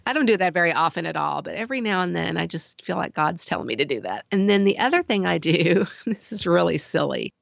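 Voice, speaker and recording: A woman's voice: fairly low pitch, expressive, fast, gravelly, few pauses, dry recording, lo-fi sound. A woman hoop instructor casually telling rambling stories, chatty and laughing at herself. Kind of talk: casual anecdotal storytelling.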